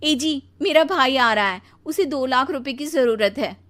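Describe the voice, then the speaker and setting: Woman acting a high-pitched nagging young wife. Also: animated, unhurried, fairly bright tone. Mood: insistent. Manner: whiny, pleading, scolding. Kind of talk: Hindi cartoon story dialogue.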